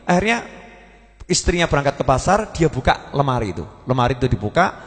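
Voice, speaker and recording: A man's voice: medium pitch, very animated, fast, big-room sound. Joking Javanese-accented male preacher. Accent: Javanese-accented Indonesian. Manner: joking storyteller, slips into Javanese words. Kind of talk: humorous religious sermon.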